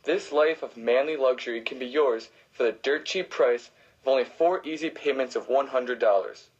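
A man delivering a hyped, hard-selling mock infomercial pitch. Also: normal speed, breathy edge. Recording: dull lo-fi recording.

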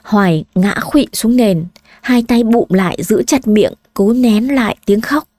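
A woman narrating a dramatic story in an audiobook, reading slowly and with emotion. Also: fairly high pitch, warm tone, dry recording, studio quality.

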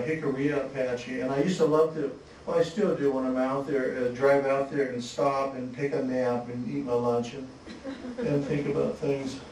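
A man presenting his photographs at a symposium, talking in a relaxed, halting way with many restarts and chuckles. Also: mid-range voice. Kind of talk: slide talk at a symposium. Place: museum lecture hall. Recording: echoey hall, distant mic, faint hiss.

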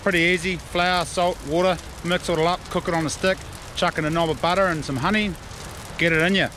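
A man's voice: high-pitched, fairly even intonation, brisk. A New Zealand man in his forties, a vlog host and father, chatting easily and matily with his young son while camping in the bush. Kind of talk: casual outdoor vlog chat. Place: outdoor bush campsite at night. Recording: outdoor recording with clear background noise.

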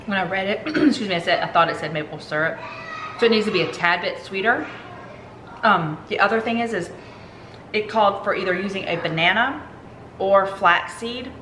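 A woman, chatting upbeat in a casual family vlog. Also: fairly low pitch. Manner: chatty, upbeat, says "y'all". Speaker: family vlogger, mother. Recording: echoey with loud outdoor noise.

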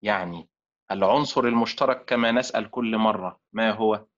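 Man lecturing slowly, muffled sound. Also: lowish voice. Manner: prompts students with half-finished questions for them to complete; slow and deliberate, sounding out syllables. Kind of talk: online lecture. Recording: dull lo-fi sound.

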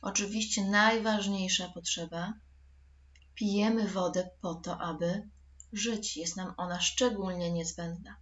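A woman's voice: mid-range voice, steady tone, unhurried, a bit bright, highs cut off. A woman teaching a recorded school lesson for children, patient and addressing the pupils directly.

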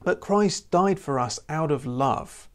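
A man with a fairly high, expressive voice preaches slowly to camera in a recorded sermon, earnest and casual in tone, habitually saying "you know." He's miked with a lapel mic in an indoor room where a lamp and a church banner are visible.

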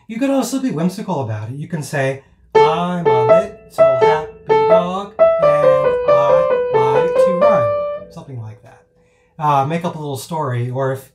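In a room with a lot of echo, a male piano teacher talks through a casual lesson in a slightly mellow, mid-range voice. His delivery wanders, with frequent fillers and false starts, and he demonstrates by chanting counts and rhythm syllables out loud.

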